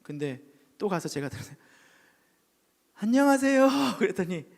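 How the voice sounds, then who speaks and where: A man's voice: on the high side, brisk. A male pastor who preaches a sermon by telling a story, acting out the people in it and sometimes dropping to a whisper. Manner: animated, acts out voices and drops to a whisper at times. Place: church sanctuary. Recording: long church reverb.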